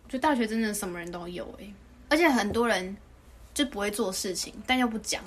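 A young woman in her twenties with a Taiwanese Mandarin accent, co-hosting a podcast and venting in animated casual chat. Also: medium pitch, quick pace, slight background noise. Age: 20s. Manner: animated, venting, mimics others. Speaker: podcast co-host.

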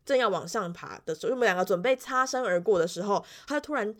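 A young woman with a Taiwanese Mandarin accent, a music teacher telling school stories in a casual vlog, animated and laughing often. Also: mid-range voice, rapid-fire. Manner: chatty, animated storytelling with frequent laughs and fillers. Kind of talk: casual weekly vlog storytelling.

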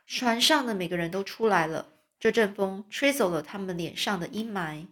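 一位带台湾口音的女士，为孩子朗读章节小说，语速平稳、音高适中，常停下来用口语解释生词，像在床边讲故事。. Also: female voice, medium pitch, moderate pace. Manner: explains words to young listeners, chatty asides. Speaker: storyteller. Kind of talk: reading a children's novel aloud.

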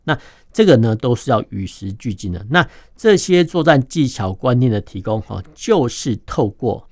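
A man, a defense journalist explaining military matters as an interview guest, filling his phrases with drawn-out "oh" and "ha" sounds. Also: mid-range voice, very animated, dry recording, studio quality. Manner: peppers phrases with drawn-out "oh" and "ha" particles.

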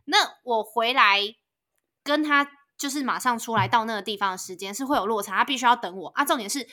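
Woman podcast co-host, casual chat, bright tone, slightly high voice, animated storyteller. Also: a little fast. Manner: animated storytelling, acts out quoted dialogue.

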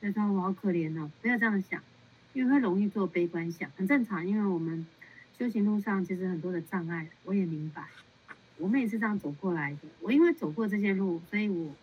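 A woman nun counseling a follower in a casual, animated way, laughing often and repeating words for emphasis. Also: medium pitch, fast talker, slightly rough. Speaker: Buddhist nun giving counsel. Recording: muffled lo-fi sound.

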